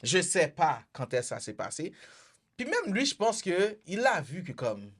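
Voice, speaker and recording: Animated Quebecois man telling a story. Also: high-pitched, normal speed, husky. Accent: Quebec French. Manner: animated, mixes English slang into French, acts out quotes. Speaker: podcast host. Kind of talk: casual storytelling chat.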